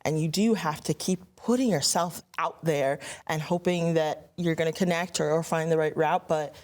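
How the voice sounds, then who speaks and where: Woman, young adult, voice actor, conversational interview, animated, slightly low voice. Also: moderate pace. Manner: animated, acts out quoted lines. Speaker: voice actor guest.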